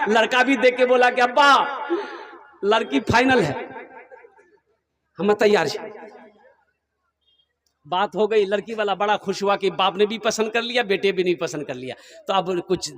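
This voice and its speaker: A man's voice: high voice, a bit bright. A male Islamic preacher telling a humorous story and urging his audience, switching between playful narration and impassioned exhortation. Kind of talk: sermon with storytelling and sung verse. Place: religious gathering with audience. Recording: echoey live gathering, far from the mic, crowd behind.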